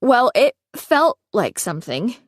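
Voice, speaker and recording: A woman voices an eager, geeky young woman with a crush, speaking in a flustered way, pitched above her own natural voice. The delivery is fairly high with big pitch swings and a little slow, in a dry, clean studio recording.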